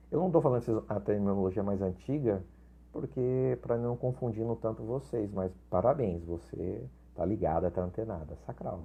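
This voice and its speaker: A man's voice: on the low side, breathy edge, highs cut off. A man giving an informal spiritual lesson, chatty, often checking in with his listeners and restarting his sentences. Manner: chatty, frequent tag questions and restarts. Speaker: spiritual teacher.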